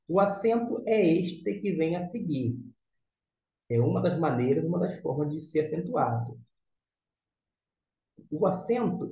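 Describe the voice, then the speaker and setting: A man giving a slow, deliberate lesson, explaining step by step with frequent pauses and fillers. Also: fairly high pitch, warm tone. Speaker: teacher. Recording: echoey room, dull lo-fi sound.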